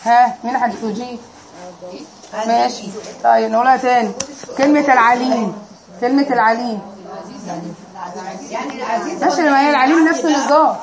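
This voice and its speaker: A woman's voice: on the high side, normal speed, pauses often, crowd noise. A woman with an Egyptian accent teaching an Arabic grammar lesson in a classroom, quizzing her students and drilling them on each answer.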